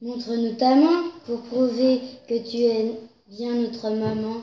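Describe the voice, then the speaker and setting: A woman voicing three young children teasing their mother and refusing to open the door, in a slow, sing-song way. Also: a little high, fairly even intonation, slight background noise. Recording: dull, roomy recording.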